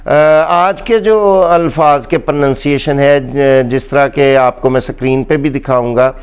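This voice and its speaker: A man with a Pakistani accent giving a slow, deliberate English pronunciation lesson, repeating each word for emphasis. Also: medium pitch, steady tone, clean tone. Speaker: English teacher.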